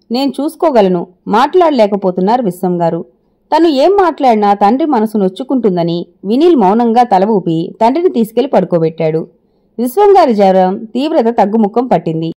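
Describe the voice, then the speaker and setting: A woman narrates a scripted audio story in a steady, measured voice. Her tone is mellow and warm-edged, and her pitch sits rather high.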